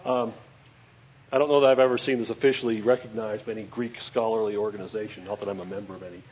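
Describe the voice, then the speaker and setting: Speaking fast in a lowish, steady, somewhat dark voice, a man runs a whiteboard class with a chatty, joking style and regular check-ins with students. Faint hiss sits under a slightly dull, lo-fi recording.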